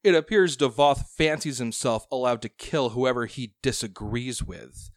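A man's voice: medium pitch, moderate pace, no echo, studio quality, voice pushed up, lightly acted. A man voicing an oily, accusing pirate lord with an insinuating blackmailer's purr in a tabletop game. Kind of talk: tabletop role-play.

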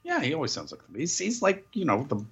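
A man's voice: on the high side, huge pitch swings, fast, gravelly, a bit bright, breathy edge, lo-fi sound. A man co-hosting a podcast in casual chat, rambling through absurd joking tangents. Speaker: podcast co-host.

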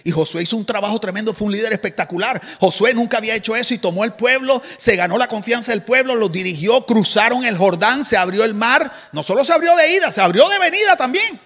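A man preaching a lively sermon to a congregation as the church's pastor, joking with the crowd and having them repeat after him. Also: sits high, fast, hardly any pauses, big-room sound. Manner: animated, joking asides to the congregation.

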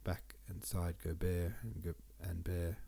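Low, a little slow, gravelly and slightly rough, this male host's voice carries a congested, sniffly quality. He reads old poetry on his podcast, pausing for relaxed asides as he casually comments on it.

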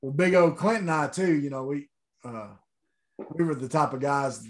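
A man's voice: a little high, animated, normal speed. A man hosting a casual sports interview, talking like an enthusiastic fan. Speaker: interview host.

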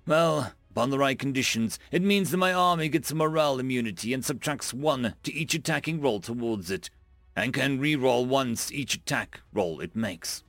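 A man's voice: mid-range voice, normal speed, fairly bright tone, no room sound, faint music behind, lightly acted. A man voicing a sulky young male gamer who sounds grudging and defensive.

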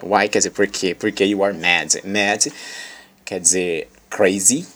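A man hosting a podcast lesson, patiently explaining an English dialogue with many pauses and fillers, reading the English lines slowly and carefully. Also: deep voice, fairly even intonation, bright, forceful tone. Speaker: English teacher.

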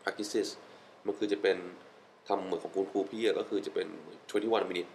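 A young man with a fairly low voice talks with real enthusiasm, laughing often and repeating words for emphasis. His tone stays casual and chatty. A faint noise sits under the recording. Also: fairly even intonation, normal speed, darkish tone, rough recording. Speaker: wellness guest. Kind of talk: casual interview chat mixing English.

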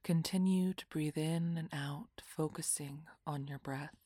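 A woman guiding a relaxation meditation in a soft, half-whispered, soothing voice. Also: low-pitched, fairly even intonation, a little slow, slightly rough, dry recording, studio quality. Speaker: meditation guide.

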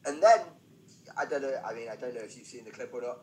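A male comedian guesting on a podcast talks fast and expressively, his average-pitched voice a little mellow, as he tells stories that poke fun at himself. Wry side comments pop up throughout. The audio quality is poor, with background noise underneath.

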